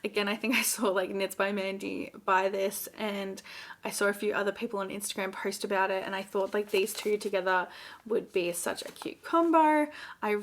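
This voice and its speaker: A woman's voice: mid-range voice, fairly even intonation, moderate pace. Chatty Australian woman rambling casually. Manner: chatty and rambling, with lots of fillers and restarts. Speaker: knitting vlogger. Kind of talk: casual chat.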